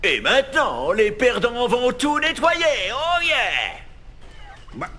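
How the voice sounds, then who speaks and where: A swaggering cartoon mascot announces with showy bravado. His voice is extremely high for a man, bright and forceful, booming out every phrase. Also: wildly swooping pitch, extremely slow, heavily acted. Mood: showy hype. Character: hyped, self-important beer mascot announcer. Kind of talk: dubbed cartoon game announcing.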